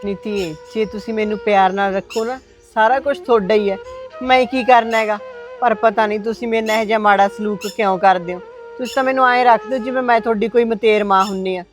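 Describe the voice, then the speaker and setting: Woman acting old mother-in-law, sighing, plaintive, mid pitch, faint music. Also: fairly even intonation, fast talker, natural voice. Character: frail old mother-in-law, mournful and pleading. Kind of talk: amateur short film acting.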